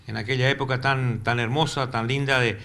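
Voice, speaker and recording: An older Argentine man with a Corrientes accent, a retired teacher, is a guest on a casual interview in a local cable TV studio. His middle-pitched voice is bright, forceful and steady, fairly quick, and he rambles through loosely linked memories, often repeating words while searching for the next one. There is a little hiss or hum.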